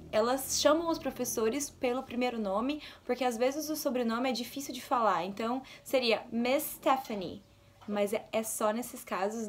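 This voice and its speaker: A young Brazilian woman with a Brazilian Portuguese accent, giving chatty language tips in a casual teaching vlog. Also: on the high side. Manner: chatty, explains with quick English examples. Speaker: English tips vlogger.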